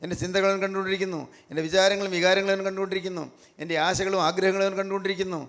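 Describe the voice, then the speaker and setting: Delivered with a long reverb tail, the sermon comes from a man with a high, slightly bright, level voice and a Malayali accent. He talks rapid-fire, stressing and repeating his points and often bursting into praise.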